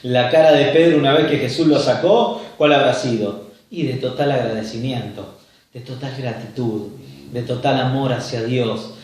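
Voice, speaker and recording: A man's voice: medium pitch, fairly even intonation, normal speed, a little mellow. A man pastor with a Rioplatense Spanish accent preaching a sermon in a conversational way, often checking in with his listeners. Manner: conversational preaching, tag questions after points. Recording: echoey room, mic far off.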